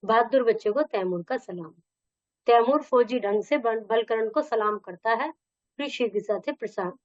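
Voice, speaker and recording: A woman's voice: on the high side, no echo. A woman teacher reading a textbook lesson and its exercises aloud in a plain manner, in a dull, dry recording. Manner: plain read-aloud delivery.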